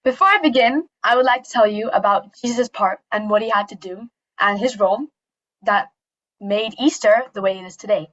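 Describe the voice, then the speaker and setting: A woman's voice: mid-range voice, moderate pace, a bit bright. Upbeat woman presenting on a video call. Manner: chatty, upbeat, self-deprecating humor. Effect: heard over a video call. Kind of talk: casual presentation with jokes. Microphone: computer mic on a video call. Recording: muffled video-call audio.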